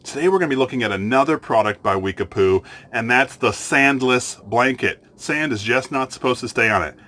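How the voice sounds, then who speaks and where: A man's voice: medium pitch, a little fast, sharp tone. A man chatting casually and upbeatly as he reviews a product, partly outdoors at a beach. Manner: chatty, upbeat, thinking aloud.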